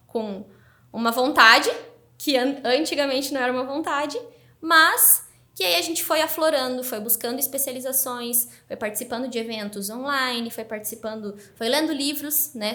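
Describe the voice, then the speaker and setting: A woman's voice: sits high, moderate pace. A woman guest on a podcast, telling her story animatedly in a casual interview. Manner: animated, excited narration.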